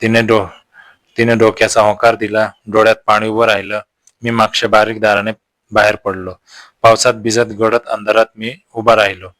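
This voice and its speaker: A man narrating a romantic story in the first person, in a slow, gentle, hushed manner. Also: on the low side, little pitch movement, no room sound.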